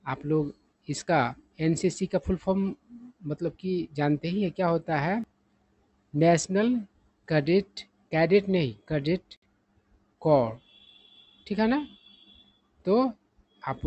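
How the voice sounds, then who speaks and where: A man's voice: on the high side, darkish tone, dry recording. A man teaching English vocabulary, patient and repetitive, often asking the listener rhetorical questions. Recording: dull, lo-fi sound.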